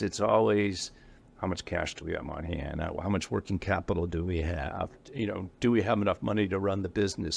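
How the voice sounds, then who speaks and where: Middle-aged guy, kinda low and gravelly, rambles and restarts a lot, casual interview guest. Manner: rambling, self-correcting, chuckles between points. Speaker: guest, association executive.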